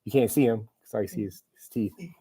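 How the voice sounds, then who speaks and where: Laid-back guy rambling on a livestream, warm mellow tone, lots of "like" and "um". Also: fairly low pitch, fast talker, husky. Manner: rambling, self-deprecating, chatty with fillers. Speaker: host of a live Q&A. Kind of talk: casual live-stream chat. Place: room with a camera operator.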